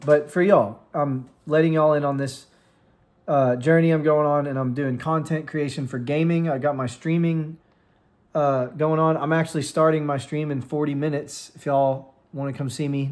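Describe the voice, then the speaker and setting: A US-born man in his late twenties, a vlogger and streamer, reflects casually into a studio mic at home, a cat on his lap amid lights and plants. His voice sits a little high, and his earnest, wandering talk keeps restarting and trailing off, like an unscripted vlog.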